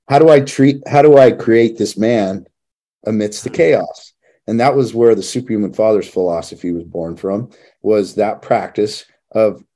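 A man's voice: on the low side, dark tone. A man in his thirties, a former firefighter and father, speaking candidly and from the heart as a podcast guest. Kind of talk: reflective casual chat.

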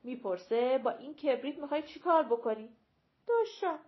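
A woman voicing a quarrelsome, mocking male clown of folk comic theater in an audiobook, talking loud and sing-song. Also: high voice, animated, muffled recording.

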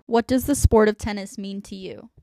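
A woman hosts the interview, reading short scripted links and asking questions in a clear, even way. Her voice is close and dry, with no room around it, in a middle register. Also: mid-range voice, moderate pace, dry recording.

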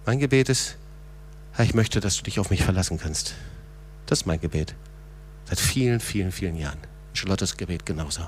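A middle-aged man preaching a sermon, moving between quiet low passages and raised, urgent calls. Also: lively intonation, fairly quick, pauses often, a little hiss or hum.

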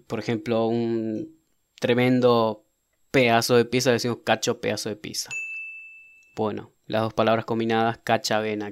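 Fast-talking Patagonian Argentine man. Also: mid-range voice, clear, resonant tone, no echo. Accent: Argentine Patagonian Spanish. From Comodoro Rivadavia, Argentina. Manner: fast-talking, drops his S sounds, playful. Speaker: host explaining local slang. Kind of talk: casual explanatory monologue.

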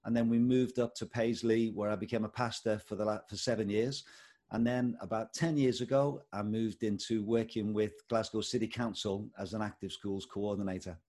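Guesting on a casual interview, this older Liverpool-accented Englishman talks about his life and his work as a schools coordinator. He speaks at a moderate pace in a fairly low, slightly mellow voice with fairly even intonation.

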